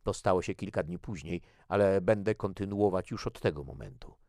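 A man's voice: low voice, fairly quick, no echo, studio quality, voice pushed up. A man voicing a timid, hesitant young girl. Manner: hesitant, soft.

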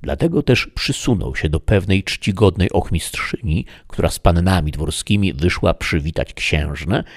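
A man narrating a classic novel as an audiobook in a measured, storytelling way. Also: sits low, expressive, no echo, studio quality.

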